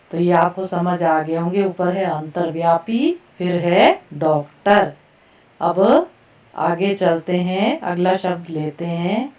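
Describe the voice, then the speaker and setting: A woman teacher leading a slow Hindi pronunciation lesson, carefully repeating each word for students to echo. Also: lowish voice, darkish tone. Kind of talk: classroom lesson, pronunciation drill. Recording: echoey room, voice from far off the mic.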